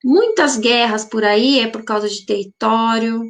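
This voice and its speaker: In an unhurried, fairly high-pitched voice, a woman running a spiritual healing group reflects aloud live. She answers viewer comments and keeps asking rhetorical questions of her listeners.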